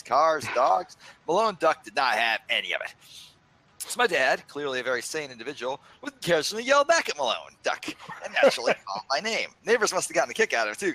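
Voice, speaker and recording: A man's voice: a little high, poor audio. A man hosting a video game let's play who reads a funny story aloud with lots of laughs. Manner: animated, laughs between lines. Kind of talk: casual gaming commentary with a dramatic story reading.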